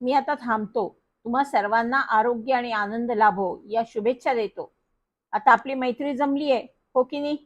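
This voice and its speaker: A woman's voice: on the high side, normal speed, lightly acted. A woman voicing a kindly middle-aged male author who stammers on the first syllable of his words, in a slightly dull recording. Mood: warm, friendly.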